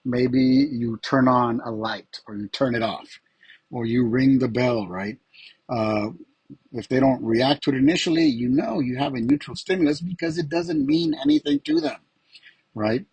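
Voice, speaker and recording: A male teacher giving a casual lecture to his students, his voice husky as he is losing it, often asking "right?" to check that they follow. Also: mid-range voice, moderate pace, a little mellow, no room sound, rough recording. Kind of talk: classroom lecture.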